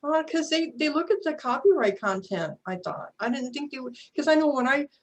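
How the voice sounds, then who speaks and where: A woman's voice: high voice, animated, a little fast, a little hiss or hum. A woman chatting informally as an author guest on a podcast. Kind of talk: casual chat.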